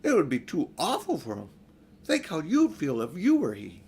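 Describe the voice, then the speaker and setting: Older man reading as a sensible, hushing girl. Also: on the high side, huge pitch swings, normal speed, slight background noise, pitched above the performer's own voice. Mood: hushing, firm.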